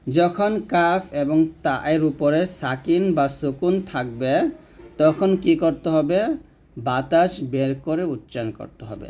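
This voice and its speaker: Guy teaching letter sounds, slightly high voice, says each syllable slow and repeats it. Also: a little mellow. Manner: slow, deliberate drill of letter sounds with repetition; invites viewers to repeat after him. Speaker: Quran recitation teacher. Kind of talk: tutorial lesson.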